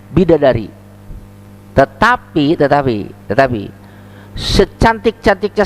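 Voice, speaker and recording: A male preacher giving a sermon, telling stories animatedly and acting out their characters. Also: mid-range voice.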